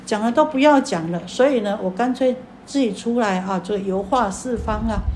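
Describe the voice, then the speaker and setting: A woman's voice: medium pitch, normal speed, darkish tone, slight background noise, lightly acted. A woman voicing a weary, blunt old male Zen master who sighs and scolds his disciples in exasperation. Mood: exasperated.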